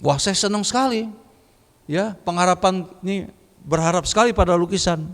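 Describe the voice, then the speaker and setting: A man in his sixties giving a lively, joking sermon testimony at a church prayer meeting. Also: high-pitched, normal speed, gravelly. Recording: reverberant hall.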